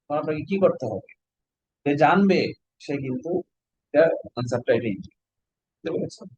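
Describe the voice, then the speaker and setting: A man's voice: on the high side, expressive, darkish tone, slightly rough, dry recording, muffled recording. Man teaching with rhetorical questions. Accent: Bangladeshi. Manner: explains slowly, quizzes students with questions. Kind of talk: online exam-prep lecture.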